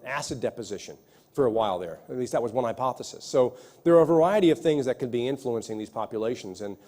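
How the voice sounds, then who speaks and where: Man, ecologist, lecture Q&A, earnest, restarts a lot, mellow voice, middle pitch. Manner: earnest, restarts often, emphatic lists. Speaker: ecologist lecturer answering audience questions. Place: lecture hall.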